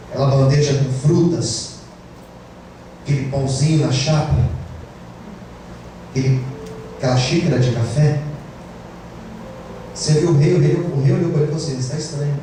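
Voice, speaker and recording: Preaching in a church with a Brazilian Portuguese accent, a Brazilian pastor emphatically asks his congregation to say amen. His slightly high voice moves at a normal speed, pausing often, with a little background noise. A distant mic places him in a very echoey church hall.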